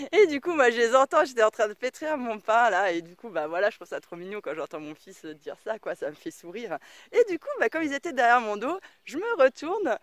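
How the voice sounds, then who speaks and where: Slangy expressive woman vlogging, chatty story, dry close mic. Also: fairly high pitch, moderate pace, no echo. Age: adult mother of a son. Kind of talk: casual storytelling to camera.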